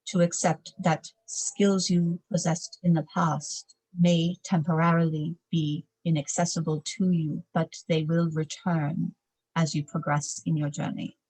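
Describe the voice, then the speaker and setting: A woman speaking as a trance medium, in formal, solemn, measured phrases, as if a spirit guide were advising a client. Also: sits low, a little mellow, breathy edge, rough recording. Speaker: trance channeler, seance medium.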